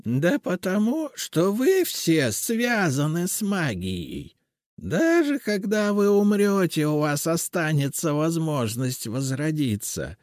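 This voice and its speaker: Audiobook: man doing a terrified hoarse old crone, high shrill pleading. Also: sing-song, darkish tone, no echo, studio quality. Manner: pleading, desperate, drawn-out. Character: ancient female life-draining creature, old, terrified.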